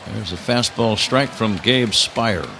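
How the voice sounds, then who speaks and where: Calling baseball live on the radio from the booth at a ballpark, an American man speaks slowly in a lowish, bright, forceful voice. Clear outdoor stadium noise fills this noisy live broadcast.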